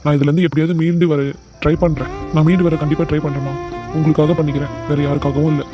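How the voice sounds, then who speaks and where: A man's voice: a little high, level tone, rapid-fire, music in the background, close to an everyday voice. A man voicing a heartbroken young man in a cartoon who resists getting married, sounding sulky and mournful. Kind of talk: cartoon voice acting.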